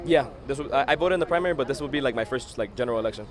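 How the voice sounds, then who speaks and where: A man's voice: mid-range voice, lively intonation, very fast. An eighteen-year-old man from Miami, a college student and first-time voter, speaking earnestly with "like" fillers in a street interview. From Miami, Florida. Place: outdoors at an election event.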